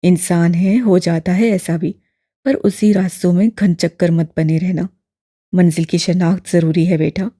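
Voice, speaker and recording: A woman voicing a kindly elderly male imam who speaks in a steady, balanced, fatherly tone, deeper and fuller than her own voice. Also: a little slow, no echo, studio quality. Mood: gentle. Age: older.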